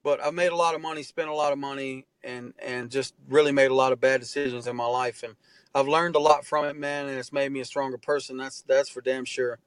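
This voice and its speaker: A tattoo artist and artist in his forties tells his story in a candid interview, earnest and heartfelt, often saying "man." His medium-pitched voice is steady, brisk, fairly bright, clear and resonant, with no room sound.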